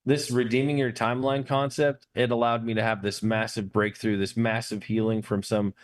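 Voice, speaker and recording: A man appearing as a guest, a book publisher, chats casually and explains things reflectively. His voice is medium-pitched with little pitch movement and a moderate pace. The recording sounds roomy and echoing.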